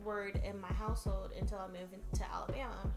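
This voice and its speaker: A woman's voice: medium pitch, level tone, fast, loud music behind the voice. A woman co-hosting a casual discussion show, laughing often and using many fillers. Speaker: podcast co-host. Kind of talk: casual chat.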